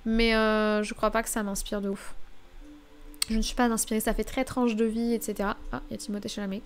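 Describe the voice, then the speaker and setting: Woman, young adult, streamer, casual live chat, thinking aloud, slightly high voice. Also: level tone, a little fast. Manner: chatty and scattered, thinking aloud while browsing.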